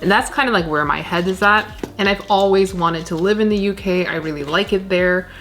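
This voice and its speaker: A woman's voice: mid-range voice, fairly quick, fairly bright tone. A woman, chatting casually while repotting plants at home, rambling with lots of fillers. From Canada. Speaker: plant vlogger. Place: indoor plant room, shelves of plants. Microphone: camera on desk, medium framing.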